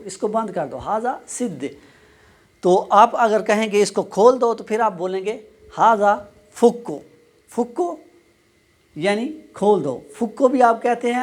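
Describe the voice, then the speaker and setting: A man giving a casual spoken lesson, explaining Arabic phrases slowly and repeating each one. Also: sits high. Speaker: Arabic language teacher. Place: Pakistan.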